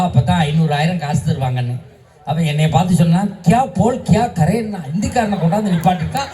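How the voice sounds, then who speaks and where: A man who is a schoolteacher and debate moderator, telling jokes in a humorous stage speech and shouting his punchlines. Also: high-pitched, far from the mic. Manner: joking storyteller, bursts into shouted punchlines.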